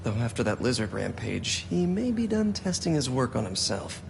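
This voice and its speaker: A man's voice: medium pitch, very animated, normal speed, gravelly, noisy background. An actor playing an earnest, curious young man in a video game, friendly and conversational as he thinks aloud. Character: earnest, curious young male hero and science whiz.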